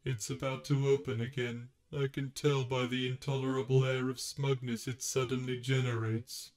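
A man's voice: mid-range voice, level tone, moderate pace, a little mellow, close to an everyday voice. Depressed robot, droning, morose, self-pitying, man's put-on voice, storybook reading. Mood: weary, despondent. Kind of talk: audiobook character voice.

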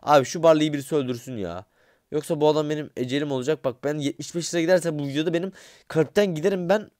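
A young man giving casual gameplay commentary, excitable and grumbling, swearing under his breath and talking straight to his viewers. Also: fairly high pitch, fast, dry recording, clean studio sound. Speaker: gaming YouTuber.

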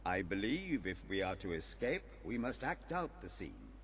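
An actor playing a formal, self-important gentleman detective in a video game, with a British accent. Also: low-pitched, very animated, normal speed, a little hiss or hum. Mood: pompous, measured. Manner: pompous, formal.

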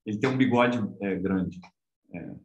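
In a low-ish voice and at a measured pace, a man with a Brazilian Portuguese accent delivers a laid-back online physics lecture. His delivery is conversational, with frequent hesitations and tag questions.

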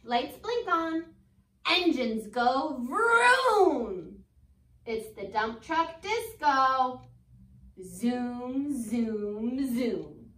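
Inside a school classroom, a high-pitched American woman in her twenties, an elementary teacher, reads a picture book to children. She speaks in an animated, expressive, deliberate way, with chatty asides and questions to the little listeners. Her phone camera, a few feet off, captures the roomy sound.

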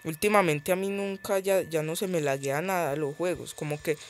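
A man's voice: on the high side, fairly even intonation, moderate pace, music in the background. A man giving casual gameplay commentary as he plays a mobile game, chatty and thinking aloud, easily startled.

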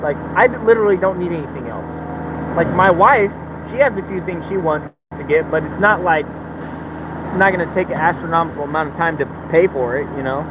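This is a casual talking-head vlog by a thirty-something truck business owner sitting in his cab, phone stretched out at arm's length. He speaks a little fast in a slightly high voice, rambling along in a relaxed, easygoing manner. The phone picks up the engine running.

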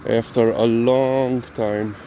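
Slow, mellow man. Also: medium pitch, steady tone. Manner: slow, chatty, talks to his dog between remarks. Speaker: dog owner vlogger. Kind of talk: casual walking commentary. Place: city streets at night, outdoors. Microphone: handheld phone camera filming while walking. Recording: faint street and traffic noise.

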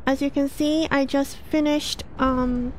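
Over game music and a little hiss or hum, a high-pitched woman hosting a gaming livestream speaks slowly. The English literature teacher sounds flustered and excitable, exclaiming often and repeating words in a panic.

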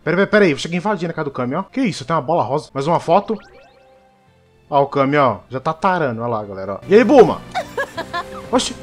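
Excitable high-voiced gamer. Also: male voice, fast talker, pauses often. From Brazil. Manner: excitable, joking, shouts at the game. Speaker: gaming YouTuber. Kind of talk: casual game commentary. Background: game music.

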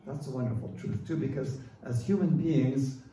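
Man, pastor, sermon, earnest, emphatic, dark voice, booming hall echo. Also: moderate pace, a little hiss or hum. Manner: emphatic and earnest, with many fillers. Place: large church hall. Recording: distant mic in a very echoey hall.

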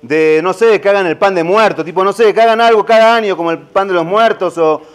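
A man's voice: sits high, a little fast. A man, a rabbi giving a casual holiday talk full of jokes. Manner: casual, joking, many fillers.

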